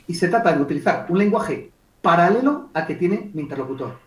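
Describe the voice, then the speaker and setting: Male trainer, high voice, lively and demonstrative, recorded from afar. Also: fairly quick. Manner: lively, acts out client dialogues, addresses chat participants by name. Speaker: communication trainer. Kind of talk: online workshop talk. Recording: echoey room, distant mic.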